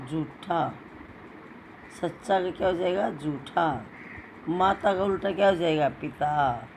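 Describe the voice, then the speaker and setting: A man's voice: high voice, creaky, a little hiss or hum, rough recording. A male primary school teacher giving a recorded lesson to young pupils, patient, repeating words and answering his own questions.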